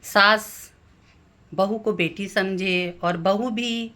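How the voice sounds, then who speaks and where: Slow, gentle woman giving family advice. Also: mid-range voice, steady tone. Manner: slow, gentle and explanatory, lists family members one by one. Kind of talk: calm advice talk to camera.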